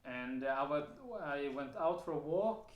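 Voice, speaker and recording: A man with a Swedish accent and a fairly high voice talks to the camera at a moderate pace, casually sharing a personal experience. He sounds hesitant, with lots of fillers, restarts and the odd soft laugh. The lo-fi recording has a roomy echo.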